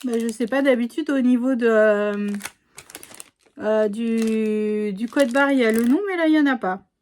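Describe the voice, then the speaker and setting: A woman's voice: fairly high pitch, normal speed, a little mellow, a little hiss or hum. Chatty woman unboxing craft supplies. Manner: chatty and rambling, many fillers and restarts. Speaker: scrapbooking vlogger. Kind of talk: casual chat, unboxing a craft haul.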